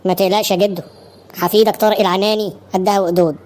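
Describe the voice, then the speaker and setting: A woman's voice: medium pitch, steady tone, very fast, a little mellow, close to an everyday voice. A woman voicing a headstrong young male detective in an Egyptian cartoon, speaking with an Egyptian Arabic accent and a boastful, reassuring manner. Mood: determined. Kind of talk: Egyptian cartoon dub acting.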